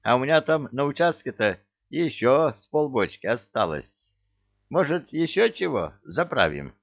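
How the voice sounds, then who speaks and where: A man voicing an excitable, rambling old village grandpa in an audiobook, pitched up and gravelly. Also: moderate pace, no room sound, highs cut off. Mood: excited. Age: older.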